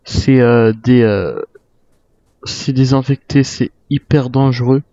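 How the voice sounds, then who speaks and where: Through a dull, roomy mic, a gamer slowly voices a weary retired soldier in an improvised survival-game monologue, musing aloud with hesitation. His voice is mid-range and warm.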